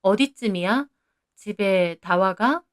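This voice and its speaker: A woman voicing a cautious, hesitant female colleague in her thirties who speaks slowly. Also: medium pitch, a little mellow, lightly acted.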